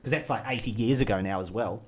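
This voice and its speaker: A man's voice: fairly low pitch, fast talker. A man chatting casually while gaming, rambling off on jokey tangents. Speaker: gaming streamer.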